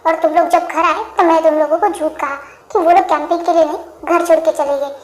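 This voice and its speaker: A woman voicing a stern elderly grandfather who lectures his grandsons calmly. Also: extremely high pitch, brisk, reverberant, pitched below the performer's own voice. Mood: lecturing. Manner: calm, lecturing. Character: stern elderly grandfather, scheming but kind.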